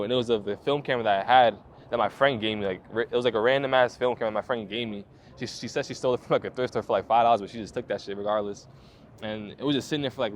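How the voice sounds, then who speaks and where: With a little hiss or hum in the background, a medium-pitched man in his twenties speaks as a photographer guest. He tells his story in a casual interview, swearing freely and using plenty of slang and fillers.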